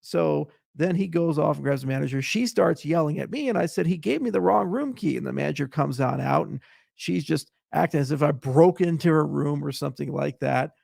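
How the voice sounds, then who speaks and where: A man's voice: on the high side, a little fast, gravelly, a little mellow, no echo, studio quality. A middle-aged man hosting a casual livestream Q&A, telling a long anecdote with many fillers and restarts. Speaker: livestream host answering viewer questions.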